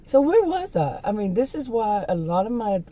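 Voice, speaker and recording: A woman's voice: medium pitch, very animated, normal speed, dark tone, poor audio. A woman YouTuber with a soothing voice talking in a casual vlog monologue, rambling, easily distracted and trailing off mid-thought.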